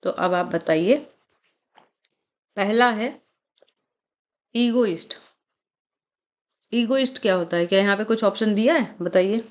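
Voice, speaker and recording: In this recorded exam-prep lecture, a vocabulary teacher with a mid-range voice explains words in Hindi and slows way down to read English lines aloud. She goes over pronunciations one word at a time and keeps asking her students brief questions to check on them.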